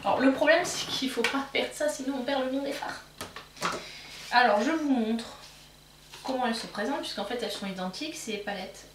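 Casting note: relaxed beauty vlogger, fairly high voice, a bit distant from the mic. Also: female voice, fairly quick, noisy background. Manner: chatty, self-mocking, with frequent fillers. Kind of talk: casual makeup haul show-and-tell. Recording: roomy, somewhat distant mic.

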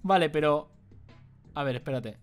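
A man's voice: a little high, normal speed, clean tone, faint music behind. A man with an accent from Spain, giving jokey gameplay commentary and muttering to himself as he plays. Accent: Spain Spanish. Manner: jokey, exclaiming, muttering to himself while playing. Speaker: gaming youtuber.

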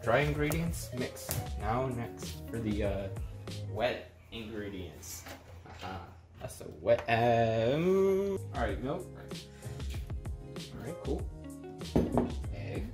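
A man's voice: medium pitch, expressive, takes it slowly, pauses often. A young man rambling in a goofy, self-deprecating way while he cooks in a home kitchen. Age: young adult. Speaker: vlogger. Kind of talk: casual cooking vlog. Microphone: camera held by someone a few steps away. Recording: echoey kitchen, far from mic, loud music behind.

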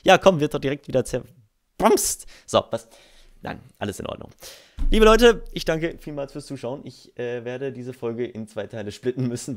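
A young German man hosts a let's play, narrating his game in casual, rambling commentary. He swears freely and pokes fun at himself. His voice sits at an ordinary male pitch with a gravelly, creaky texture.

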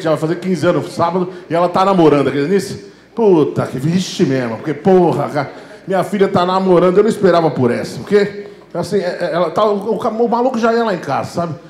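A Brazilian man, probably in his forties, doing a stand-up comedy set, telling stories loudly and acting out the dialogue with lots of swearing, on a handheld mic on a club stage. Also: sits high, fast talker. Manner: loud, animated storytelling with acted-out dialogue and swearing. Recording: roomy club sound.

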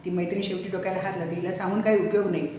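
A woman's voice: on the low side, little pitch movement, racing, warm tone. A woman hosting her channel. She tells a story in a storytelling manner to set up each verse of a devotional folk song. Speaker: channel host. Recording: very echoey room, distant mic, faint noise.

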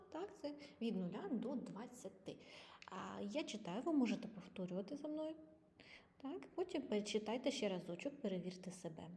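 Woman, teacher, patient, clear drills, mellow tone. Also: medium pitch. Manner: patient, clear, slow model pronunciation of English words. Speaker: English teacher. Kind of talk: online language lesson. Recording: long reverb.

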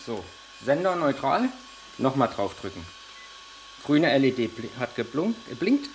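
A man's voice: medium pitch, very animated, unhurried, rough recording. Guy at a workbench walking through setup step by step, lots of little ums, average voice, bit of background noise. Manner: step-by-step explaining while handling parts, with frequent hesitations. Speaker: RC model reviewer. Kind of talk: hands-on tutorial.

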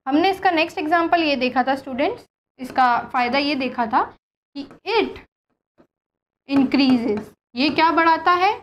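High-voiced woman teacher. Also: animated, measured pace, fairly bright tone, slight background noise. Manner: mixes Hindi and English, repeats terms, asks students questions. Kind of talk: recorded class lesson, revision.

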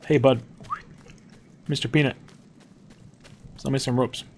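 A young man commentating a game casually, thinking aloud and dropping to hushed tones when nervous. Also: medium pitch, fairly even intonation, a little slow, a little hiss or hum. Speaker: gameplay commentator. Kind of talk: casual let's-play commentary.

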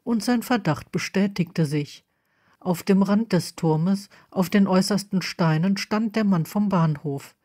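A woman reads a story aloud in a calm, steady voice. Her pacing is even, like an audiobook narration. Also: medium pitch, measured pace. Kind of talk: audiobook reading of fan fiction.

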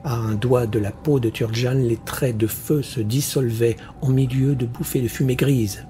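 A man reads a fantasy tale aloud in an audiobook, measured and deliberate. His voice sits at an ordinary middle pitch for a man. Soft music plays faintly behind the narration. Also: fairly even intonation.

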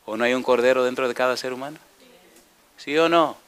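A male pastor preaching a sermon, telling a personal story and putting rhetorical questions to the congregation, often rising to loud, high preaching. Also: brisk, clean tone.

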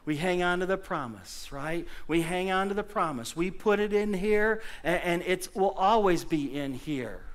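A middle-aged man preaching a sermon from a church pulpit into a handheld mic, animated and calling out to the congregation with sudden loud bursts. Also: high-pitched, moderate pace, hardly any pauses. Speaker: pastor. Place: church sanctuary.

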